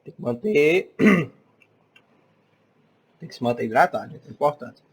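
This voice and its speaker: His voice is fairly high and husky, with lively intonation and a measured pace. A young man with a Northeastern Brazilian accent, he teaches online in a chatty way, often checking in with "tá?" and "né?".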